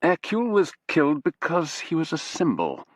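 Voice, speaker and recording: A man voicing a Corsican businessman in his fifties, with a Corsican accent and slow, deliberate explanations. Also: a little high, huge pitch swings, no room sound, clean studio sound, voice pushed up. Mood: measured.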